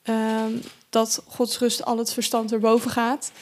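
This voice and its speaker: A woman's voice: on the high side, monotone, a little slow, darkish tone. A woman hosting a casual faith conversation, chatty and self-deprecating, sometimes losing her train of thought. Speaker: host, video marketer.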